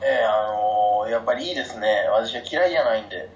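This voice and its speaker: A man co-hosting a podcast, chatting in an amused, agreeable, animated way. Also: medium pitch, fast talker, a little hiss or hum. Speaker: podcast co-host. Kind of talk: casual podcast chat. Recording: roomy, slightly dull sound.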